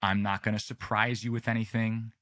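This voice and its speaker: A man nearing forty talks as a podcast guest, his voice sitting a little low. He tells his stories in a relaxed, easygoing way, often pausing and restarting his sentences. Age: late 30s. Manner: relaxed, unhurried storyteller with many restarts. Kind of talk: casual storytelling interview.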